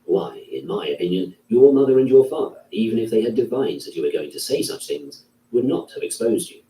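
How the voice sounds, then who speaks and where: A man reading a classic philosophy text aloud in a measured, solemn manner. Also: lowish voice, big pitch swings, creaky, mellow. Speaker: narrator. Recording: roomy, distant from the mic.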